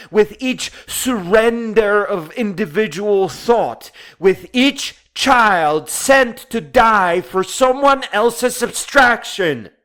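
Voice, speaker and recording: Over music, a man delivers a dramatized speech, scripted oratory in a grandiose, solemn, theatrical style. His voice is high-pitched with a fairly bright tone.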